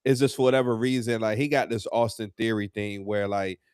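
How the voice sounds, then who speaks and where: A man's voice: fairly low pitch, steady tone, fairly quick, a little mellow, clean tone, no room sound, clean studio sound. A man co-hosting a wrestling podcast, talking casually and animatedly, full of slang and fillers, getting heated as he rants. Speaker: podcast co-host.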